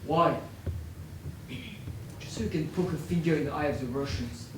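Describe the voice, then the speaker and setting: An actor playing a bitter, defiant captured fighter who fires accusing rhetorical questions, recorded in an echoey room from a distance. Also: male voice, fairly high pitch, normal speed, a little hiss or hum, close to an everyday voice. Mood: furious. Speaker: stage actor. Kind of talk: stage play acting. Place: theatre stage.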